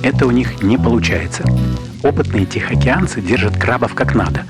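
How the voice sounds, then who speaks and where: A man's voice: medium pitch, expressive, a little fast, vocal fry. A man performing observant, lyrical literary narration of seafaring life in a drama. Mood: measured, descriptive. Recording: loud music behind the voice.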